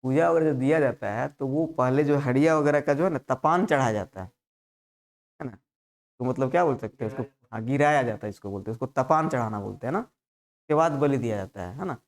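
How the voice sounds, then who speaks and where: A man's voice: mid-range voice, fairly quick. A male teacher giving a live exam-prep class, repeating terms and coaxing students with constant checks. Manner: repetitive, coaxing, peppers lines with "hai na".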